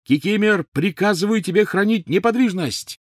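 A man voicing a young male wizard who fires off sharp, demanding questions and orders. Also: mid-range voice, normal speed, no room sound, clean studio sound, close to an everyday voice. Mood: urgent. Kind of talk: audiobook character voice.

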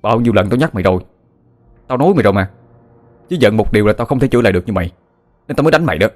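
A man's voice: on the low side, lively intonation, darkish tone, lightly acted. A man voicing an upright young village man who angrily scolds his friend for cursing. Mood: angry. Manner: scolding, fast.

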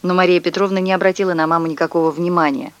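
Expressive woman reading a children's story. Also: on the low side, racing, no echo, highs cut off. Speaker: audiobook narrator.

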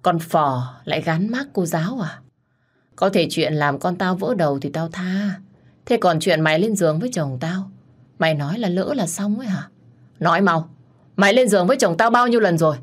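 A woman's voice: lowish voice, expressive, normal speed, slightly rough. A woman voicing a furious, scornful middle-aged wife who hurls threats at her rival.

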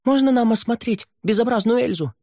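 A skinny pirate boy in a leather tricorn, squeals high and loud with excitement. The voice leaps up far above a grown man's range. It is bone-dry and close, read for an audiobook. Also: normal speed, creaky, no room sound, heavily acted. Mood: shouting. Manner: excited, shouting. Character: thin shouting pirate boy.

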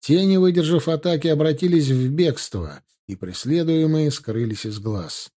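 A man's voice: on the high side, animated, moderate pace, mellow. A man narrating a historical war novel as an audiobook.

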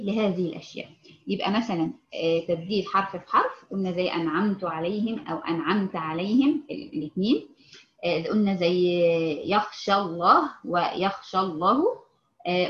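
A woman with an Egyptian Arabic accent teaching Quran recitation in an informal lesson. She repeats her points patiently, asks her students to respond and slows down to recite example verses. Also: mid-range voice. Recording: echoey, muffled audio.

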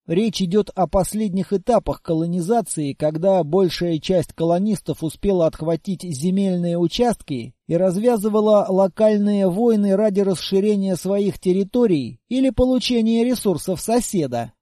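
Man narrating an audiobook, steady reading, high-pitched yet very mellow dark tone, dry close recording. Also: normal speed, hardly any pauses, no room sound. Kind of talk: first-person audiobook narration.

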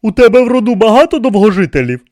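An indignant young king in an audiobook, voiced by a male reader. He fires off sharp, incredulous questions in a raised voice with lively pitch swings, heard close and dry. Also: fast, no room sound.

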